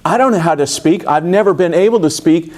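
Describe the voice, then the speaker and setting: A reluctant Moses, voiced by a man retelling scripture, who protests that he cannot speak. He talks in a high, pinched, whining voice. He sounds accusing rather than humble. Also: brisk, a little mellow, natural voice.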